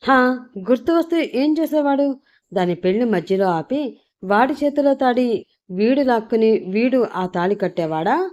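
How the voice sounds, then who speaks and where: A woman's voice: lively intonation, measured pace, a little mellow. A woman voicing a flustered young woman who grumbles in her head and scrambles for excuses, in an audiobook story. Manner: exasperated inner monologue, higher voice. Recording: dull lo-fi recording.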